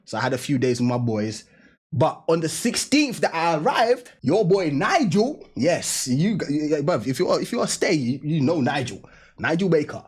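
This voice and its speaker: Male vlogger, husky voice a bit high, loose slangy storytelling. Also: normal speed. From Denmark. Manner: slangy, animated, laughing often. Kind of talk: casual storytelling to camera.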